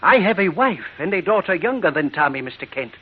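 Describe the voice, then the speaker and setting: A man's voice: high-pitched, sing-song, slight background noise. A man acting in a 1940s radio drama as a grave, worried doctor and father, speaking formally on a muffled old recording. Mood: grave, fearful. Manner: formal, measured diction.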